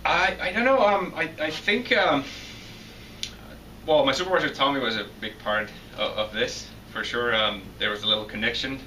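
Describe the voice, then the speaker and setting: A man's voice: medium pitch, moderate pace, bright, forceful tone. Hesitant Finnish-accented young man. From Finland. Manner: hesitant, many restarts and repeated words. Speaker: PhD student guest. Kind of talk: interview answers. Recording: distant mic with faint noise.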